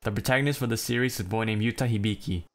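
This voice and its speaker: A man from China, his voice fairly low and racing, narrates a ranked anime list. He reads plot summaries but keeps breaking off into blunt, profane, self-deprecating asides.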